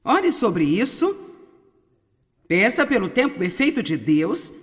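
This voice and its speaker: A woman preaching a sermon in an animated way, with wry humor and frequent asides to the audience. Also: mid-range voice, takes it slowly, in a large hall. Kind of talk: sermon, dubbed.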